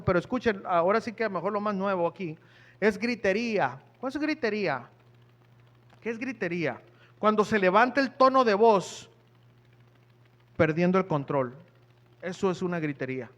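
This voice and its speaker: A man's voice: high voice, expressive, normal speed, fairly bright tone. A man preaching a sermon in church, talking conversationally and asking the congregation questions.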